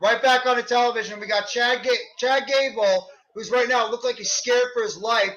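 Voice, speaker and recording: High-pitched excited male wrestling commentator. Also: moderate pace. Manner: excited, exclaiming, shouting at big moves. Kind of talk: wrestling commentator calling live play-by-play. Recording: dull lo-fi online stream audio.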